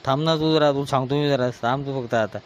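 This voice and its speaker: A man with a Varhadi Marathi accent playing a drunk, quarrelsome son who loudly demands his share of the family land in a village comedy skit. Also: mid-range voice, fairly even intonation, brisk, lightly acted. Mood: belligerent. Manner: aggressive, shouting threats.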